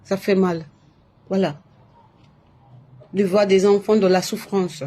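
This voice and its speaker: With a warm, mid-range voice, level tone and slow pace, a Latin American woman gives spiritual advice in French to viewers on a live stream, talking straight into her phone or webcam. Her casual monologue is emphatic and repetitive, full of restarts and the same fillers over and over.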